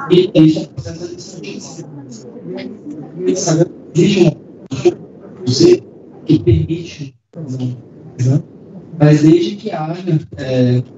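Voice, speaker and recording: A man chairing a formal council session over a video call, his audio glitching and cutting out as he speaks in halting fragments. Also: on the high side, noisy background. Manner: halting, fragmented speech with hesitations. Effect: glitchy audio that keeps cutting out. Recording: distant echoey lo-fi call audio with dropouts.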